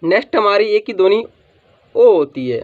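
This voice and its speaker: A man teaching English reading in a phonics lesson, spelling out letters and asking questions he answers himself, sometimes drawing a word out slowly. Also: high voice, big pitch swings. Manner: drawls some words slowly for emphasis. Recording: dull lo-fi sound.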